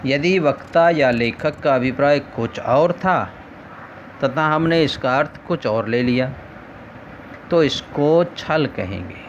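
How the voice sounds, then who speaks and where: A man teaching in a slow, unhurried way, laying out each point carefully and stopping to ask his students questions. His voice sits at an ordinary middle pitch. The recording is dull and lo-fi, with faint traffic in the background. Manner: slow, measured explaining with rhetorical questions. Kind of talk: recorded lesson.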